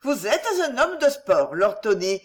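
A woman voicing a witty, ironic young French noblewoman who teases with a bright, laughing manner. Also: a little high, big pitch swings, normal speed. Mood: teasing.

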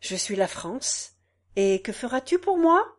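Woman as a sad solemn embodiment of France, quiet, slow, storybook reading. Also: on the high side, sing-song, pitched above the performer's own voice.

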